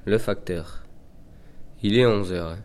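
A man voicing a young postman, only weeks into the job, recounting his route in the first person. His voice sits a little low, and his telling is plain and measured. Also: a little mellow. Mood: matter-of-fact. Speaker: narrator of a postman character. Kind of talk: first-person dramatic reading.

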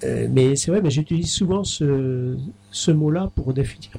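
A middle-aged man speaking as a mayor in an interview, his voice gravelly and husky with a dark, mellow tone. He talks haltingly, with frequent hesitations and restarts. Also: medium pitch. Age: middle-aged or older. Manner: halting, many fillers and restarts.

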